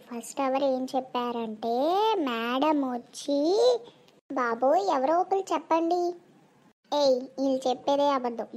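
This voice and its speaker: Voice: sits high, natural voice. A voice actor playing chatty young college students who tease and bicker with each other in a cartoon. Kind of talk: cartoon dialogue.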